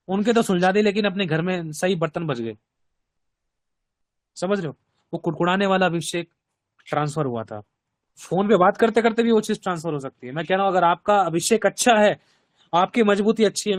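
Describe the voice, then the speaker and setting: High-voiced man preaching a sermon. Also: fairly quick, no room sound, studio quality. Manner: keeps asking listeners if they understand; acts out quoted voices. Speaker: pastor. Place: home.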